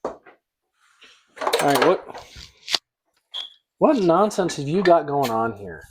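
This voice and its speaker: A man's voice: fairly high pitch, very animated, takes it slowly, background noise. A man co-hosting a casual podcast, teasing his partner in wry banter while tasting drinks. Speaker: podcast co-host. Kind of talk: casual chat.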